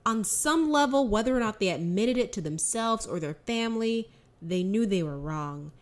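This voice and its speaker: Soft-spoken, earnest woman host. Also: medium pitch, animated, moderate pace. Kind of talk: casual reflective monologue.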